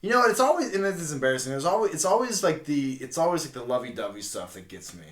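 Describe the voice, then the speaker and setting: A man's voice: a little high, big pitch swings, quick pace, fairly bright tone, reverberant. A man hosting a podcast, telling an embarrassing story in rambling, profane casual chat. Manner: rambling, profane, self-mocking. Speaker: podcast host.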